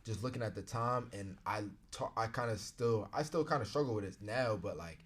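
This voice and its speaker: A man's voice: fairly low pitch, brisk. A young man, a college runner, chatting in a laid-back, slangy way. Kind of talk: casual chat.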